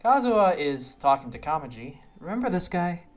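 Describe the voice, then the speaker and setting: Talking briskly with big swings in pitch, a medium-voiced game reviewer riffs casually and opinionatedly about a quest. Background music runs beneath the voice.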